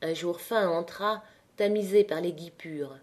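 A woman narrating a classic novel as an audiobook reader, in a measured way. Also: fairly low pitch, darkish tone.

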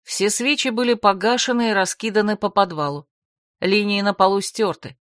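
A woman's voice: mid-range voice, moderate pace, fairly bright tone, dry recording. A woman narrating a fantasy audiobook in the first person, dry and matter-of-fact.

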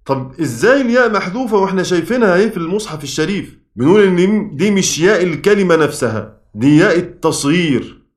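A man's voice: high-pitched, reverberant. A man with an Egyptian Arabic accent, teaching a class on Quranic spelling, often repeating key words and asking the students questions. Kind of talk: classroom lesson.

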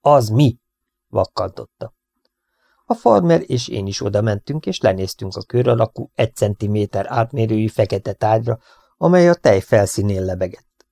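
Male audiobook narrator: low, mellow, calm and even, dry close recording. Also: vocal fry, no room sound. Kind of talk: scripted narration.

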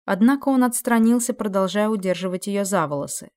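Expressive woman reading a dark fantasy story. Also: mid-range voice, brisk. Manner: expressive, acting out dialogue. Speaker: audiobook narrator. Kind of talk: dramatic fiction reading.

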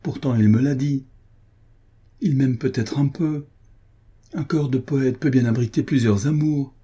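A man's voice: mid-range voice, measured pace, dark tone, slightly rough, voice pushed up. A man reading the part of a devout, tender young duchess, in a plaintive inward monologue from a storybook. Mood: sorrowful.

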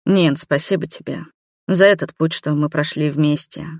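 A reader voicing an earnest older man, just out of hospital, pleading softly. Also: a little high, steady tone, normal speed, creaky, no echo, clean studio sound. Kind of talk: audiobook dialogue.

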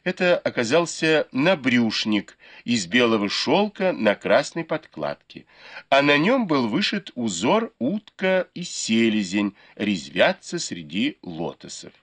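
A man narrating an audiobook in a measured, expressive storytelling manner. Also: mid-range voice, slightly rough.

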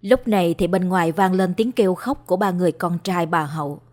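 A woman storyteller narrating a ghost story in a calm, measured way. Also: fairly low pitch.

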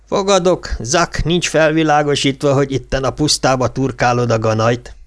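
A man doing a gruff folksy old policeman. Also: mid-range voice, steady tone, close to an everyday voice. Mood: lecturing. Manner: folksy dialect, dry and blunt. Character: gruff older male small-town policeman. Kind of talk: audiobook character voice.

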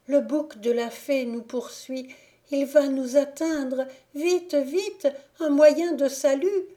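A woman voicing a frightened young heroine in flight, pleading urgently in a raised, high voice. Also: a little slow, mellow, close to an everyday voice. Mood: panicked. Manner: urgent high-pitched pleas.

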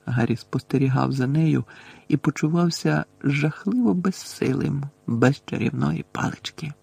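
A man narrating an audiobook with an expressive, dramatic reading. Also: fairly high pitch, measured pace, creaky, breathy edge, no echo.

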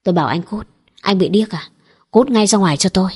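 A woman's voice: mid-range voice, quick pace, darkish tone, slightly rough, lightly acted. A woman reading the lines of a defiant, desperate young wife in a storybook. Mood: angry. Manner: angry, pleading.

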